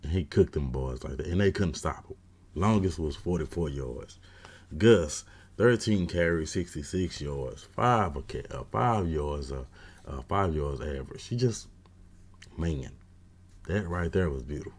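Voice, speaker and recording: Very deep-voiced casual football fan. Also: male voice, animated, a little slow, breathy edge. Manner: opinionated, gets loud and exasperated when ranting; casual slang with frequent fillers. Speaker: sports fan commentator. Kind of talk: postgame football commentary. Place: small room at home, gaming chair.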